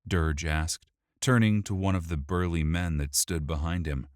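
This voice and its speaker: A man narrating an audiobook in a measured, even storytelling manner on a close studio mic. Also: deep voice, no room sound. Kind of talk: scripted narration.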